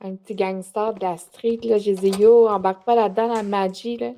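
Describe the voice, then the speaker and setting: Girl playing a direct quebec lawyer lady, really soft dark tone, asks questions, casual rp. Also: medium pitch, steady tone, normal speed, natural voice. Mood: casual, amused. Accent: Quebec French. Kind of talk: improvised role-play.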